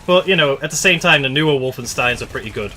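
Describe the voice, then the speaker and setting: Young male streamer: casual, self-mocking game chat, bright tone, slight hiss behind. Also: medium pitch, lively intonation, fast. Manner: rambling and chatty, laughs at himself. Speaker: gaming streamer. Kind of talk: casual gameplay commentary.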